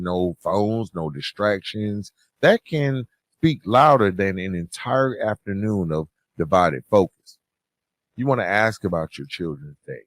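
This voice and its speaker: A podcast host speaks alone, offering advice and encouragement earnestly and deliberately with emphatic phrasing. His voice is low-pitched and the recording is dry.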